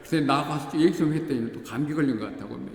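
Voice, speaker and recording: An older man preaching a conversational sermon as pastor, often acting out quoted voices with sudden pitch jumps. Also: quick pace, creaky. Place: church hall. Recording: echoey church hall with faint background noise.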